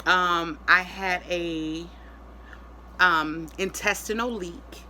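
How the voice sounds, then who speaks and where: Woman vlogger, worn out and sore post-surgery, halting casual talk, bright voice, faint noise. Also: on the low side. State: tired and in pain after surgery. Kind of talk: casual personal health update vlog.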